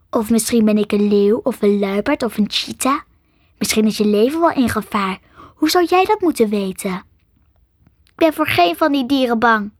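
A woman's voice: fairly high pitch, husky, no echo, studio quality. A woman voicing a mysterious, menacing cat-like creature in a hissing whisper, reading a storybook aloud.

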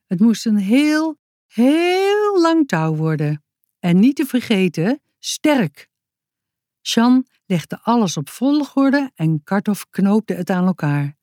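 A woman narrating a children's story aloud in an expressive, lively way. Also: medium pitch, slow pace, dry recording, studio quality.

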